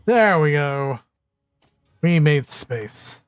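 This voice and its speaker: A man's voice: a little high, animated, drawn-out words, clear, resonant tone, dry recording, studio quality. A man in his thirties chatting casually on a livestream, rambling and sarcastic. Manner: rambling, self-mocking and sarcastic. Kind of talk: casual live-stream chat.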